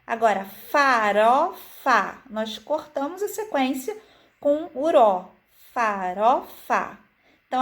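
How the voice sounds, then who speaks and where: A woman explains classroom activities to viewers, stretching out example words syllable by syllable and often filling pauses with "é" and "né". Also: on the high side. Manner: frequent "é" and "né" fillers. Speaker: early-childhood educator. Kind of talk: teaching video, explaining activities.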